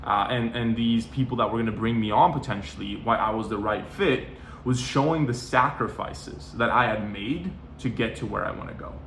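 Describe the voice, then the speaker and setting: Man in his 20s, easygoing advice talk, mid-pitched voice, roomy echo. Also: normal speed, a bit bright, a little hiss or hum. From Norway. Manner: conversational, with frequent "you know" and "like". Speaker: sales coach. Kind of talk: casual talking-head advice.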